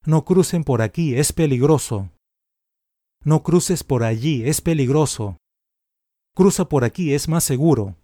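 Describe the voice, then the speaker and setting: A man reads short example sentences for language learners at a slow, unhurried pace. His voice is mellow and mid-pitched, and each word is carefully enunciated. The sound is dry and close. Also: lively intonation, no room sound. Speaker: language teacher.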